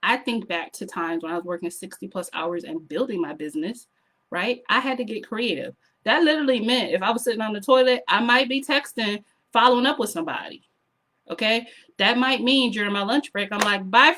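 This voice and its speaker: A slightly hoarse woman gives sassy, animated motivational business advice straight to her viewers, often asking them to drop a comment. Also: medium pitch. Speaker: online business coach. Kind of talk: motivational vlog talk to camera.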